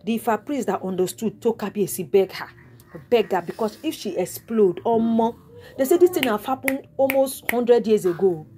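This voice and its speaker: High-voiced Nigerian woman dishing gossip. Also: moderate pace, dark tone, faint music behind. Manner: emphatic storytelling, retelling reported speech with repeated "that"; bursts of exclamations and sound effects. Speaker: celebrity gossip vlogger. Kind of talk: dramatic gossip commentary.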